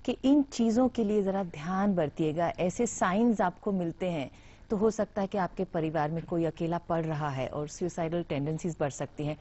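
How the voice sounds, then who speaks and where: A woman's voice: lowish voice, moderate pace, dark tone. A woman hosting a TV studio interview, asking composed questions and handling the links. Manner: composed prompting questions, switches to English for links. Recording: muffled TV broadcast audio.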